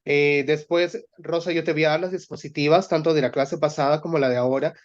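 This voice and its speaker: High-voiced man teaching voice exercises. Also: fairly even intonation, fairly quick, muffled recording. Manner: explanatory, demonstrates exercises aloud. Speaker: voice workshop instructor for teachers. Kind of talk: online workshop teaching.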